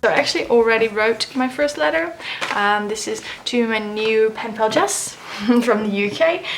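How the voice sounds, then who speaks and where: A letter-writing blogger hosts a how-to vlog in a casual, chatty way, her speech slightly impeded by a swollen jaw after having her wisdom teeth removed. Her voice is fairly high and moderately paced, and the rough recording has room echo and a little hiss or hum.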